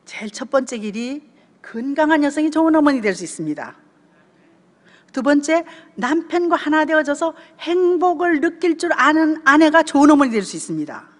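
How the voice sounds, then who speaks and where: A woman's voice: high-pitched, long reverb tail. A woman in her seventies with a Gyeongsang accent, telling stories in a church seminar talk and often checking in with the audience. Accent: Gyeongsang Korean. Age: 70s. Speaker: church deaconess giving a family seminar talk. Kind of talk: conversational sermon talk.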